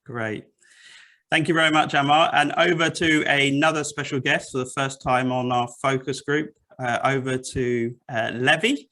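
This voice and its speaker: A man's voice: medium pitch, steady tone, moderate pace. A man hosting an online investing panel from an office, talking in a friendly way with many fillers. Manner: friendly, filler-heavy, bright. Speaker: forum host. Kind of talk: video call panel moderation. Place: office room.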